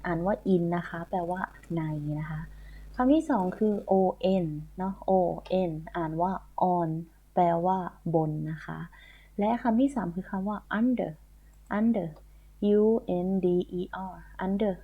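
A woman's voice: medium pitch, slow, slightly rough. A woman teaching a primary school English lesson online, patiently repeating and spelling words letter by letter. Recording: tinny phone-like audio.

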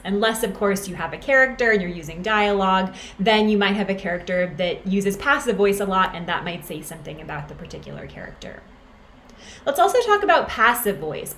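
A woman explaining writing grammar as an instructor, in a clear teaching manner and often asking "right?". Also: mid-range voice, slight background noise. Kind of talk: lecture over slides. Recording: roomy echo, faint background ambience.

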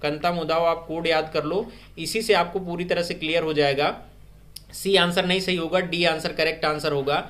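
A man teaching a live online grammar quiz, repeating each question and urging viewers to comment their answers fast. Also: on the high side, fairly even intonation, a bit bright. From India. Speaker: online exam-prep teacher. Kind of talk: live-stream Hindi grammar quiz lesson.

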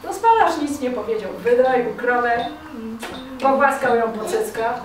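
High-voiced woman telling folk tales live. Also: measured pace, over a noisy crowd. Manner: lively, chatty, addressing the audience. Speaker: storyteller. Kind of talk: live performative folk storytelling. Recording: echoey room from a distance with audience.

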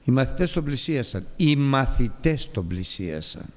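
A man's voice: medium pitch, sing-song, long reverb tail. A man preaching a sermon with an impassioned, emphatic delivery that rises and repeats its phrases.

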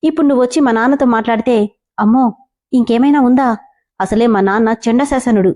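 Audiobook role: narrator doing a shy, tearful young girlfriend, high pleading voice, mellow tone. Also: a little fast, lightly acted. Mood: indignant. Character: young woman in love, timid, tearful, devoted daughter.

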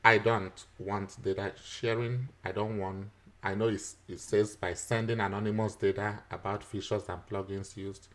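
Teacher, male, somewhat low voice, patient step-by-step tutorial delivery, chuckles and "uh" fillers. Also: level tone, moderate pace. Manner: chuckles often, frequent "uh" fillers. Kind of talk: screen-recorded software tutorial.

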